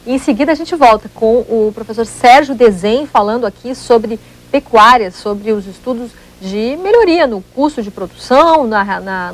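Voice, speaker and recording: Brazilian woman, TV interview host, slightly higher pitch, polite and steady. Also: rough recording. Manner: polite, frames questions, brief agreement cues. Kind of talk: TV interview hosting.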